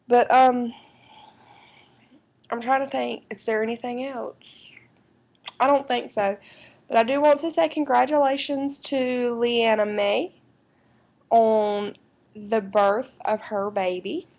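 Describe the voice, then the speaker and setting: A woman's voice: a little high, steady tone, vocal fry, a little mellow. A young woman from South Carolina, rambling through a casual life update at home into her computer's microphone. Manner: rambling and unhurried, with fillers and restarts. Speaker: vlogger and new mother. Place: indoors at home. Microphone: computer webcam microphone.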